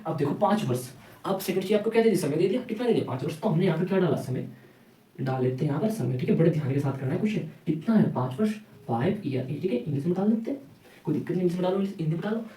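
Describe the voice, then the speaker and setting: A man's voice: fairly high pitch, animated, rapid-fire, mellow, reverberant, distant mic, poor audio. A man teaching a math lesson, who keeps asking the class questions and answering them himself. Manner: rhetorical questions answered himself, repeats "ठीक है".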